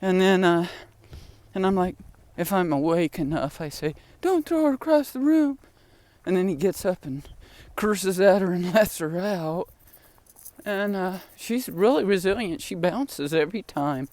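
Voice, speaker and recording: A woman's voice: lowish voice, a little slow, darkish tone, no room sound. An older woman telling rambling stories about her family and pets in a chatty way, with laughs and sighs, walking outside in the wind. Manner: chatty, laughing, sighing asides. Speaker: vlogger. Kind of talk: rambling personal storytelling. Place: outdoors in wind, walking home with groceries.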